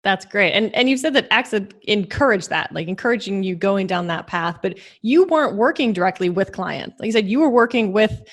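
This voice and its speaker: Woman podcast host, interviewer, encouraging and quick to laugh. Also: mid-range voice, lively intonation.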